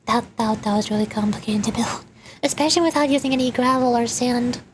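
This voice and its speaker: Fast-talking and a little high-pitched, a woman VTuber chats playfully and ramblingly during a casual gaming livestream. Game music runs in the background, along with a little hiss or hum.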